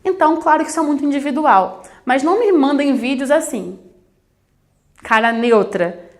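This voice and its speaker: A woman's voice: sits high, expressive, normal speed. A woman from Brazil teaching a recorded video lesson on sign language, explaining directly to the camera and addressing her students. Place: studio with plain backdrop. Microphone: camera-facing studio recording.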